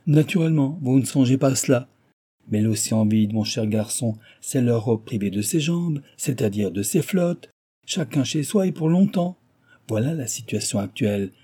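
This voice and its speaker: A man's voice: mid-range voice, expressive, normal speed, dark tone, breathy edge, no echo, studio quality. A man voicing a self-assured, mocking American billionaire in an audiobook, talking with animation. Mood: animated.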